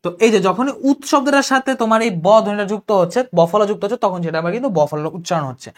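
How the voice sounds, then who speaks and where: Fast-talking young male Bangladeshi tutor. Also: sits high. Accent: Bangladeshi Bengali. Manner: brisk, explains rules and answers imagined student questions. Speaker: exam tutor. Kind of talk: online class lecture.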